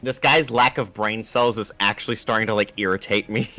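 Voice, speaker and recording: A man's voice: on the low side, fairly quick, bright, forceful tone, faint music behind. A man ranting and swearing in a casual group voice chat.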